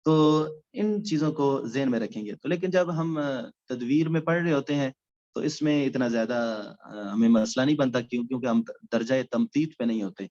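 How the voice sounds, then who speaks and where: A man's voice: medium pitch, a little mellow, dull audio. A male recitation teacher giving a recorded lecture, explaining step by step with frequent hesitation sounds.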